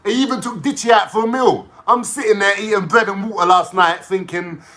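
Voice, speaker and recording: A man's voice: high-pitched, a little fast, sharp tone. A young man, ranting to camera in a mocking, slangy way, swearing a lot. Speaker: vlogger.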